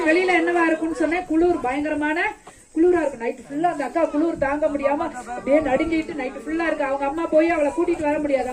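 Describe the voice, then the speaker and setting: High-voiced woman telling children a Bible story. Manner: keeps asking the children questions and answering them; coaxing and affectionate with the children. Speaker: children's ministry teacher. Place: outdoors during rain. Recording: children's chatter all around. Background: a group of children.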